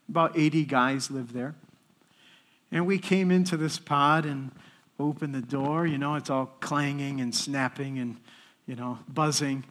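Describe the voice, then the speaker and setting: Guy in a church telling a story, kinda high voice, slow and lively. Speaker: seminarian speaking in church. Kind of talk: storytelling testimony talk.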